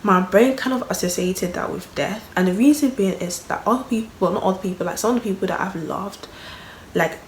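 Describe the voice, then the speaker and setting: Speaking briskly in a mid-range voice, a young vlogger shares a personal story candidly, wandering emotionally and leaning on lots of fillers. Her recording comes from an echoey room with faint noise behind her.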